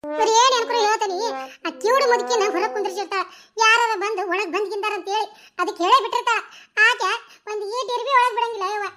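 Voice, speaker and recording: A woman doing a shrill teasing village auntie. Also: quick pace, crowd noise. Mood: gossiping. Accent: North Karnataka Kannada. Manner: bantering, laughing, stammers when caught out. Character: chatty stingy older village woman, teasing. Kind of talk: cartoon comedy voice acting.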